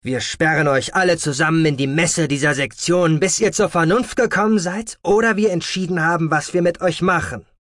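A man's voice: on the high side, normal speed, few pauses, a bit bright, dry recording, studio quality, pitched above the performer's own voice, close to an everyday voice. A man reading an audiobook, voicing a ruthless, cold male alien mutineer leader who talks curtly and with contempt. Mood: commanding. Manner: curt, commanding, contemptuous. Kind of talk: audiobook character voice.

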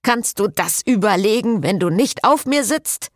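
A woman's voice: medium pitch, lively intonation, a little slow, dry recording, studio quality, pitched above the performer's own voice. A woman voicing a flustered young male priest who pleads and protests in an audiobook scene. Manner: pleading, exasperated.

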